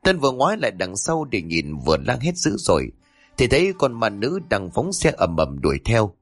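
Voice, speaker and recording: Guy narrating a spooky story, animated voice, dry close sound, faint music. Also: on the low side, moderate pace, no room sound. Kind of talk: scripted horror narration.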